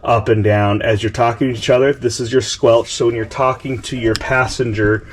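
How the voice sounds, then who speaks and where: This vlogger's mid-range voice keeps a steady tone and moderate pace as he demonstrates radio gear for his side-by-side in a workshop. Speaking into a handheld GoPro, he's informal, enthusiastic and a touch hesitant.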